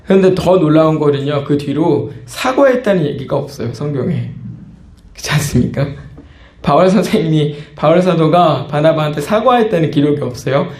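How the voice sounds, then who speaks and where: Pastor preaching in an echoey room. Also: male voice, a little high, lively intonation, fairly quick, a little mellow. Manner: conversational preaching, acts out quoted outbursts. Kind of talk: sermon.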